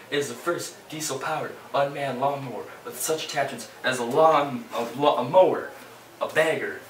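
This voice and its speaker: A man's voice: medium pitch, fairly bright tone, slight background noise, lightly acted. A young man acts out a hard sell infomercial salesman with a slightly stilted, homemade delivery. The sound is echoey and a bit distant, as from a camera in a small bare room. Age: teens to young adult. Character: older salesman pitching a gadget to a boy. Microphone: camera a few feet away.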